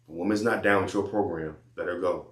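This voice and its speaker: Deep-voiced man lecturing bluntly in an echoey room. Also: quick pace, fairly bright tone. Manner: blunt, repetitive, slangy, preachy. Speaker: vlogger giving life advice. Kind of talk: casual advice monologue and phone chat.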